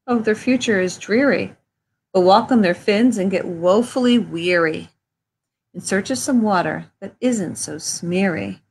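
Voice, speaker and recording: A woman voicing a fussy old male forest creature with a croaky, wheezy voice, scolding indignantly as she reads a picture book aloud. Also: medium pitch, a little slow, slight background noise, natural voice, low-quality recording. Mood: mournful.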